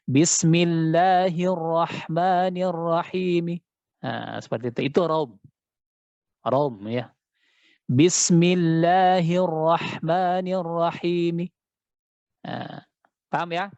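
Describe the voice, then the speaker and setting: A man teaching Quran recitation in an online class, chanting verses slowly and then explaining them quickly, heard over dull call audio. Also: mid-range voice, gravelly, no echo. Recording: dull, lo-fi dry sound.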